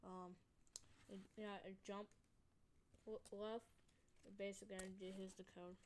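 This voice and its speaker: Slow, hesitant woman opening cards. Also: mid-range voice, flat delivery, noisy background. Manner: hesitant, halting, many ums while reading card names. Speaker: channel host. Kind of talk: casual card-opening vlog.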